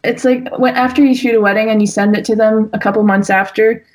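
A young Dutch-speaking woman talks casually in an interview about her job as a wedding photographer, full of fillers and restarts. Her voice is fairly high and a little mellow, with fairly even intonation, and she talks fast and chattily.

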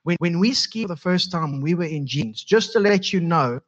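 A man from South Africa with a South African accent preaching a sermon as pastor, halting and often repeating his words. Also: on the high side, animated. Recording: dull lo-fi sound.

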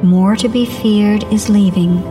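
A woman voicing a brave, calm young female bear who answers a villain in soft but clear, steady verse. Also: medium pitch, measured pace, over music, close to an everyday voice. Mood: resolute.

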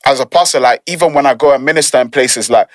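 A man's voice: medium pitch, fast talker, no room sound, clean studio sound. A man with a London accent in a casual discussion, speaking earnestly like a pastor giving friendly advice, with British slang.

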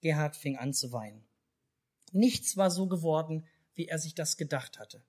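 A man with a German accent telling a children's Christmas story in a church service, speaking lively and asking the children questions. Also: on the high side, moderate pace. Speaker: pastor.

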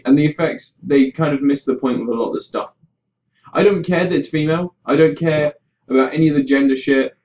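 A man's voice: medium pitch, darkish tone. Male podcast host, opinionated, sweary, casual ranting chat, dull distant webcam-mic sound. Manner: ranting, sweary, mimics others in mock quotes. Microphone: webcam about five feet away.

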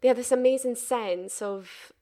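A woman's voice: on the high side, normal speed, warm tone. A young woman hosting a podcast, talking casually and reflectively, often agreeing with her guest. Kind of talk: casual chat.

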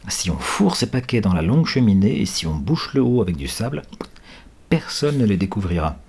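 A sensible eldest boy leading the group, read by a man close to his own voice. Low and breathy, he gives calm, measured instructions. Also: heavily acted.

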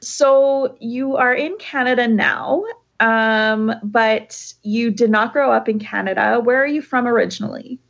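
This podcast host talks from home over a remote call, keeping the interview casual, warm and full of fillers. Her slightly high, somewhat bright voice carries vocal fry and an unhurried pace, though the recording sounds muffled.

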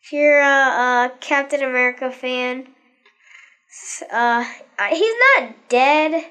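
Female co-host, high pitch, hesitant casual movie chat. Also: steady tone, fairly bright tone, clear, resonant tone. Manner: halting, full of fillers and restarts. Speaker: podcast co-host.

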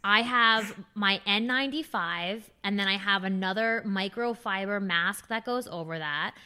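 Young female podcast co-host, candid and chatty, bright clear voice. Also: medium pitch, unhurried. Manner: candid, frank, laughs often, many fillers. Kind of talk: casual podcast chat.

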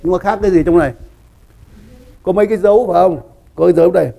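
High, gravelly-voiced man preaching. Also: very fast, low-quality recording. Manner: animated teaching, asks the congregation questions; laughs often, joking asides. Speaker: pastor. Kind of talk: sermon.

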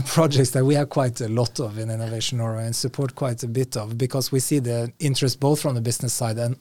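A man's voice: mid-range voice, a little mellow, no room sound. A man hosting an interview podcast, thoughtful and sometimes searching for words. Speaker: podcast host.

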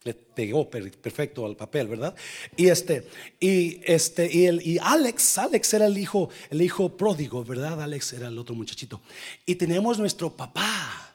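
Male preacher, lively sermon, husky voice, high and animated, mixes in english phrases. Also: normal speed. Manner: animated, swings from quiet asides to loud exclamations.

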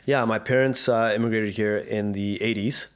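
A man's voice: on the low side, normal speed, smooth. A man in his thirties from Canada, a podcast guest talking casually, with frequent laughs, fillers and restarts. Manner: relaxed, laughs often, many fillers and restarts. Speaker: guest, digital media co-founder.

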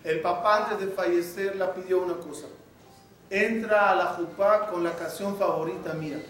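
A man, a rabbi, telling a story in a sermon, acting out the dialogue with lively energy. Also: high voice, normal speed. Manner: animated storytelling, acts out dialogue. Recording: echoey room from a distant mic, faint noise.

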